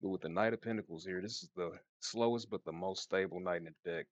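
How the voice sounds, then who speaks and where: A man's voice: low voice, fast talker, dull audio. A man giving a casual, slangy tarot card reading, his speech slightly slurred and lisping from wearing a retainer. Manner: informal, slangy, laid-back. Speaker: tarot reader.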